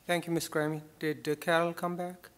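A man's voice: fairly high pitch, level tone, normal speed, fairly bright tone. A man chairing a public board meeting, calling on speakers in an informal way.

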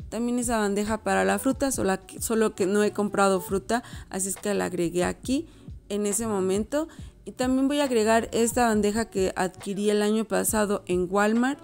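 A woman's voice: medium pitch, moderate pace, creaky, darkish tone, soft background music. A woman, narrating a home decor and cooking vlog in a casual, chatty way and often correcting herself. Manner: chatty, self-correcting, addresses viewers as girls.

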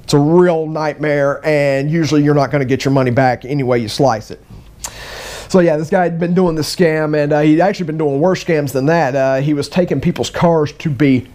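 Animated middle-aged man telling a story. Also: fairly high pitch, brisk. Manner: animated, acts out both sides of conversations. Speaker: vlogger. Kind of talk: casual storytelling.

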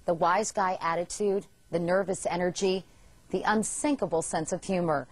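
A woman's voice: fairly low pitch, fairly even intonation, moderate pace. A woman narrating a scripted entertainment news feature in a polished, wry tone. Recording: music bed under voice.

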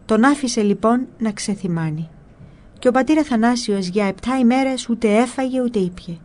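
A woman narrating a spiritual book in a calm, measured storytelling voice. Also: a little high.

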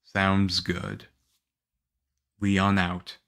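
Man acting as Leon Kennedy, low, unhurried young agent. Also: completely flat delivery, creaky, fairly bright tone, exaggerated voice. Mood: businesslike. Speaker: audio roleplay voice actor. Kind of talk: ASMR roleplay acting.

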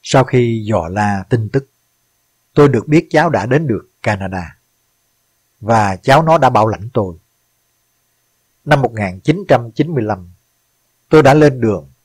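A humble elderly widow tells her story with quiet gratitude, voiced by a man reading aloud. The voice sits low and husky in a dry, close recording. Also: lively intonation, moderate pace, pauses often, dry recording. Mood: heartfelt. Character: elderly northern woman, grateful widow.

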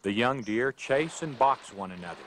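A middle-aged man narrates a nature documentary with a lively, varied pitch. Faint natural ambience and animal sounds sit behind his scripted delivery. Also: normal speed, a little hiss or hum, poor audio.

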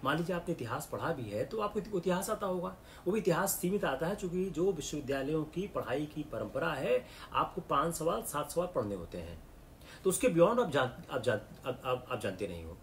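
Lively-voiced Indian man lecturing a class. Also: a little high, slight background noise. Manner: mixes English into the talk, slow and deliberate in English. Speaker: civil services exam lecturer.

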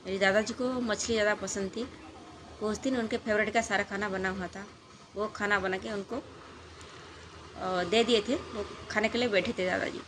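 A woman's voice: medium pitch, steady tone, moderate pace, background noise. A woman telling a true family story in a casual, rambling way, with many fillers and restarts.

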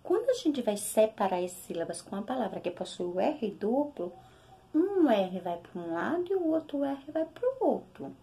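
A young Brazilian woman teaching a recorded lesson to small children, drawing out syllables in a slow sing-song way. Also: fairly high pitch, big pitch swings, dark tone. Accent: Brazilian Portuguese. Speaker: primary school teacher.

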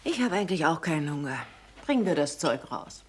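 A practical, wry middle-aged mother in a dubbed family drama. She talks briskly, in a somewhat low voice. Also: big pitch swings, slight background noise. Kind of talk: TV drama dub.

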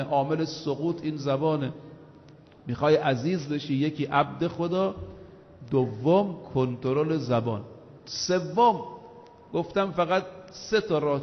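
Emphatic preacher man in a reverberant hall. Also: a little high. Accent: Iranian Persian. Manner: emphatic, repeats lines in lists. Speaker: cleric preacher. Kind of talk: sermon. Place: large shrine hall. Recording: dull lo-fi sound with long hall reverb.

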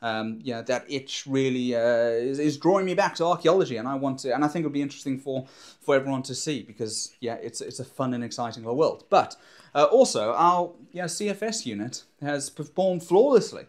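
Talking fairly quickly at a medium pitch, this enthusiastic young maker and drone-surveying vlogger chats casually to camera, rambling with frequent fillers and restarts while gesturing animatedly. He's wearing a lapel mic in an indoor home studio with a backdrop behind him.

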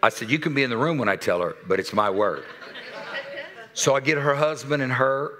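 A man in his sixties preaching a sermon in a church, telling a story with animated quoted dialogue and dropping to a soft voice for serious points. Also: medium pitch, fairly quick, crowd noise. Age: 60s. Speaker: pastor. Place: church sanctuary.

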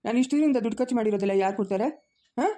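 A woman's voice: on the high side, very fast, dark tone, close to an everyday voice. A woman playing a greedy, harsh village uncle who nags and scolds. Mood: demanding. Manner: scolding, nagging with repeated "ha?". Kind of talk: family drama acting.

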